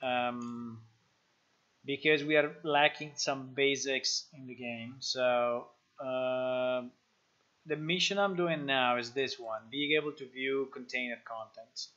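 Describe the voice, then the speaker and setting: A man's voice: medium pitch, slow pace, sharp tone. A man from Italy with an Italian accent, chatting casually while building a game live, thinking aloud with frequent fillers and restarts. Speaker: game developer streaming live. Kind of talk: casual live-stream coding chat. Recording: dull lo-fi stream audio.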